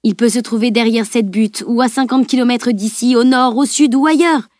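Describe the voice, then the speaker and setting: A woman's voice: fairly high pitch, normal speed, a little mellow, no room sound, studio quality, voice pushed up, close to an everyday voice. A woman reading a grave, practical warrior man. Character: steady, grave male warrior, practical and firm.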